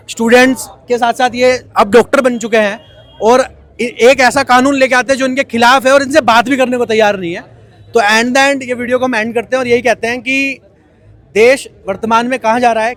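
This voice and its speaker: A man reporting live from an outdoor street protest and interviewing protesters, talking with growing indignation that turns loud and impassioned. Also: extremely high pitch, steady tone, a little fast. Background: faint protest crowd.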